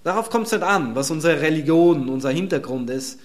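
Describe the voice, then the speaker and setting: A man's voice: on the high side, lively intonation, brisk. A male pastor preaching a sermon in an emphatic, conversational way and chuckling between points.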